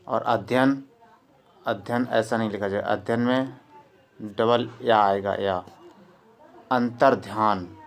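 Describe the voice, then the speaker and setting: A man's voice: on the low side, steady tone, measured pace, gravelly, long pauses. A male teacher giving an exam-prep spelling lesson, repeating each word and quizzing his students. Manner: drills words by repeating them and quizzing students.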